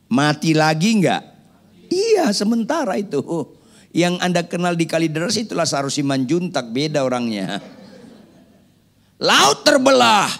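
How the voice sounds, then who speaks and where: Lively pastor, voice leaping high and low. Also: male voice. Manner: lively, asks the congregation rhetorical questions; playful, joking asides. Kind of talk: sermon.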